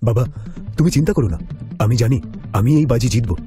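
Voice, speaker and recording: An actor playing a humble, patient middle-aged man who calmly defends himself before his rich family. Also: medium pitch, fast, close to an everyday voice. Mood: pleading. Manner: calm, pleading, restrained. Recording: background music bed. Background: music.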